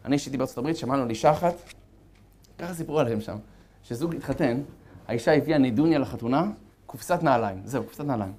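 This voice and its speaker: A male rabbi giving a sermon, with animated storytelling and chuckles as he talks. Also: mid-range voice, slight background noise. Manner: animated storytelling, acting out characters.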